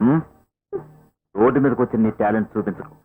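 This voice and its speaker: A menacing, commanding bully who talks fast in film dialogue. The sound is tinny and phone-like, with music clearly heard behind him. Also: male voice, lowish voice. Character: bullying man who threatens and gives orders.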